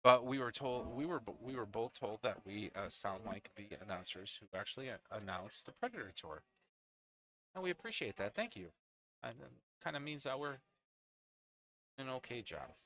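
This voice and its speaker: A man giving live play-by-play at an amateur pool final, his voice bright and forward with a lot of lift and fall in the pitch. He chats easily with his partner between shots. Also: big pitch swings, moderate pace. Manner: chatty, talks to co-commentator between shots. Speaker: pool match commentator. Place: indoors at a pool league venue.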